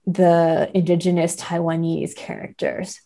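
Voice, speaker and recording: This woman speaks on the low side at a measured pace, her delivery flat and her tone dark. As a guest in a reflective literary podcast conversation, she analyzes carefully, hedges, and keeps checking in with "right?".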